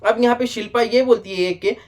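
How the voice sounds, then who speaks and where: Animated high-voiced man reviewing. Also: a little fast. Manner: animated, addresses the show directly, frequent "bhai sahab". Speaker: reality show reviewer. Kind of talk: casual video review.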